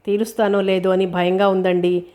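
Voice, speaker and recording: A woman voicing a young pregnant wife who speaks gently and worriedly. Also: medium pitch, little pitch movement, moderate pace, close to an everyday voice.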